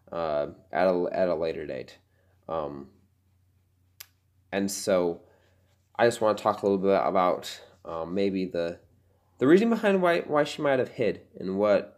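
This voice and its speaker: Deep-voiced guy thinking out loud about scripture, earnest, keeps pausing with um. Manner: halting, thinking aloud with many fillers; earnest and reflective. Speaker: podcast host teaching scripture. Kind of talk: casual scripture study talk.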